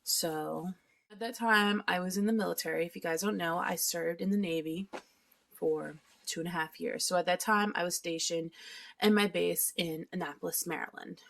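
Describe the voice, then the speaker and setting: A woman's voice: lowish voice, fairly even intonation, normal speed, creaky, fairly bright tone. A thirty-year-old woman vlogging in a chatty, candid way, swearing freely and eating while she talks at home. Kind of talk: casual confessional vlog.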